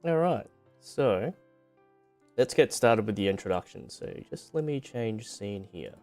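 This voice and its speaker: On his VTuber debut stream, a man chats casually with viewers over background music, rambling and informal, with light self-deprecation. His voice is on the low side, darkish and expressive, and he takes his time.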